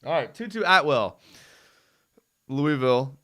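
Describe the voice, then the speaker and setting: With a mid-range, fairly bright voice, lively intonation, and a measured pace, a young man chats casually on a live fan stream. His laid-back rambling is packed with fillers such as "dude" and "I mean," and long talking has left his voice tired and hoarse.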